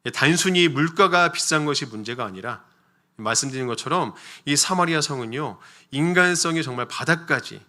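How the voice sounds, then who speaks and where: Bright-voiced Korean pastor preaching. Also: male voice, a little high, lively intonation, brisk. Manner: frequent fillers "자" and "예", storytelling with rhetorical questions. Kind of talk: sermon. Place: church sanctuary.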